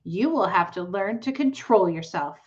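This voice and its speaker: A patient, firm farmer dad from a storybook, voiced by a woman, speaking in a measured and kindly way at middle pitch. The sound is slightly dull. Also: animated, darkish tone, lightly acted. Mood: gentle, firm. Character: gentle, firm farmer father.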